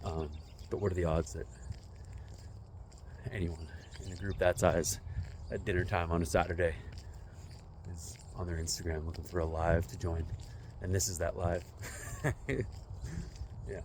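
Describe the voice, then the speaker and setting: A man in his forties with a low, deep voice rambles casually into a phone held out on a selfie stick. He walks outdoors along a residential street, musing in a self-deprecating way, with faint noise in the background. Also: fairly even intonation, a little slow, pauses often, a little mellow. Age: 40s. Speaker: vlogger. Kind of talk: casual walking vlog.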